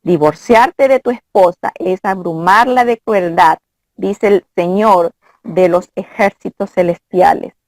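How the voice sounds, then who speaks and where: A woman's voice: fairly low pitch, a little slow, dry recording. Earnest woman teaching from scripture. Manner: earnest, quotes scripture, mimics voices. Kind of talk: conversational Bible teaching.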